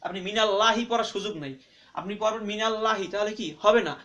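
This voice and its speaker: A man teaching Quran reading in Bengali, who asks and answers his own questions and spells out letters slowly syllable by syllable. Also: high voice, a bit bright, dull audio. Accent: Bangladeshi Bengali. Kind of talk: spoken classroom-style lesson.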